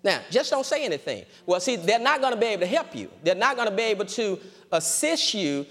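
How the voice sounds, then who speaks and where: A man's voice: sits high, big pitch swings, a little fast, fairly bright tone, big-room sound. A man preaching a sermon as a pastor, repeating phrases for emphasis.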